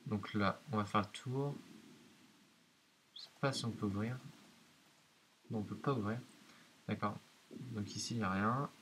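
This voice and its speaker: A man's voice: fairly low pitch, unhurried, long pauses, a bit bright, rough recording. A man giving hesitant, explanatory let's-play commentary of a horror game, talking directly to his viewers. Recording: hissy home recording.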